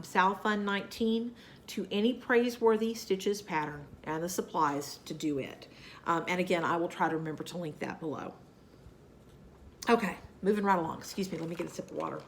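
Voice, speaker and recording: A lowish voice at a moderate pace carries this casual to-camera chat about cross-stitch projects. The speaker is a woman with a Southern US accent who sounds nasal and scratchy with a cold, and she rambles with plenty of fillers and asides.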